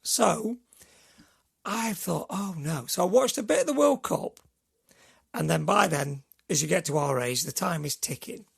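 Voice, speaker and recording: Brief: middle-aged man, gravelly and raspy, high-pitched for a man, chatty podcast host who rambles. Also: animated, measured pace. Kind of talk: casual chat.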